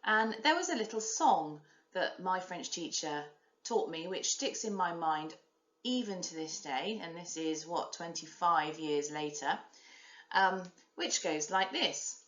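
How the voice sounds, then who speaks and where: A woman around forty teaching a recorded French lesson. She models each sound clearly and prompts learners to repeat it. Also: lowish voice, lively intonation, measured pace, a bit bright. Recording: roomy, dull lo-fi recording.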